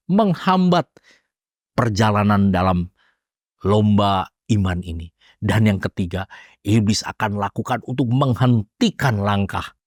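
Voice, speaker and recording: Pastor guy preaching, dry close sound, gets loud and punchy on key lines. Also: lowish voice, no room sound. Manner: preaching with rising emphatic bursts. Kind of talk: sermon.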